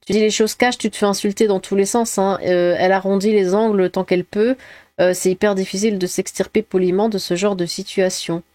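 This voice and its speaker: A woman's voice: medium pitch, fairly even intonation, fairly quick, a little mellow, no echo. A woman streaming live, giving blunt, opinionated reaction commentary with rambling asides while reading chat aloud, on a close desk mic.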